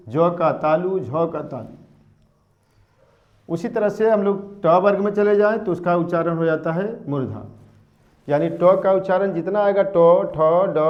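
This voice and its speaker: A male teacher giving a classroom grammar lesson, patiently repeating and drilling each point one by one. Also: sits high. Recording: dull lo-fi sound.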